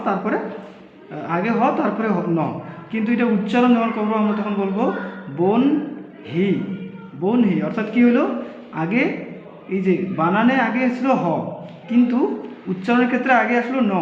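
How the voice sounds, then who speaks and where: A man teaching a spelling and pronunciation lesson, explaining slowly, repeating phrases and pausing with fillers. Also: sits high. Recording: echoey room, slightly dull lo-fi sound.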